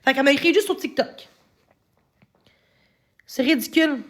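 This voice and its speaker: A young woman with a Quebec French accent rants on a livestream, upset and defensive, stumbling over repeated words. Her voice is high and her speed normal.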